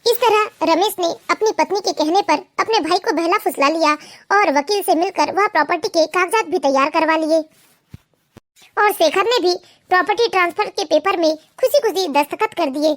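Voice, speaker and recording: A woman narrates an animated family story in a scripted way. Her voice is very high, and her storytelling tone is sympathetic. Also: moderate pace.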